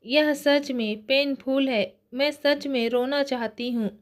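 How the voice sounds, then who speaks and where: A woman voicing a young heroine who was once a kickboxing champion, speaking softly and plaintively, slow and high. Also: fairly even intonation. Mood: tearful. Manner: soft, plaintive, sniffling.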